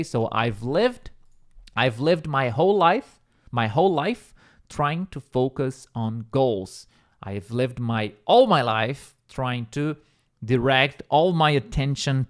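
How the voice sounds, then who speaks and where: A man with a Brazilian Portuguese accent teaching English vocabulary, repeating words and checking in with the listener. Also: mid-range voice. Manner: repetitive, checks in with "okay?" and "right?". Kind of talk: explaining vocabulary step by step.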